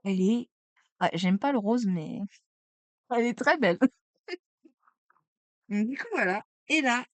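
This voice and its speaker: A woman streaming a card opening, chatty and excitable, exclaiming over each card. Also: fairly high pitch, measured pace, dry recording. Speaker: streamer opening trading cards. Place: at home desk.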